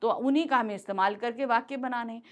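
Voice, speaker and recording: A woman's voice: fairly high pitch, quick pace. A woman teacher explaining a Hindi grammar lesson, asking and answering her own questions and mixing in English words.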